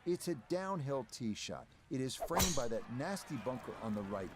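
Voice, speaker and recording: A man working as a golf commentator, calling play in a measured broadcast style for a video game. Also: mid-range voice, big pitch swings, natural voice. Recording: crowd noise behind the voice. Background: golf crowd.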